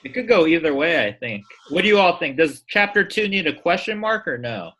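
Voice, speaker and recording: A man with a bright, fairly high voice talks through his book chapters on a casual group call. His pitch jumps around freely. He is easygoing and laughs often. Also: very animated, a little fast. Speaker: author presenting his table of contents.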